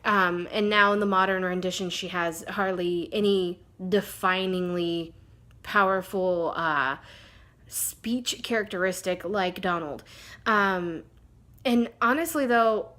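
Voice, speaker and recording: Bright, chatty woman vlogger. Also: medium pitch, a little slow. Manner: chatty, rambling, sidetracked. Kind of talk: casual chat to camera.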